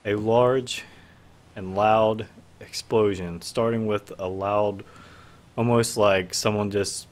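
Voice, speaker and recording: A man narrating as game master of a streamed tabletop game, relaxed and rambling, with fillers. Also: on the low side, slow pace. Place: home stream setup.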